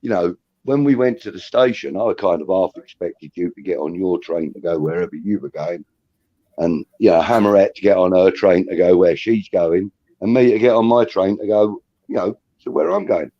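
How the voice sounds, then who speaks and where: A man's voice: sits low, normal speed, dry recording. A man hosting a casual fan chat show, telling stories with lots of ums and laughs. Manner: chatty storyteller, laughs often, says um and uh. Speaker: host of a fan talk show. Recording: dull lo-fi recording.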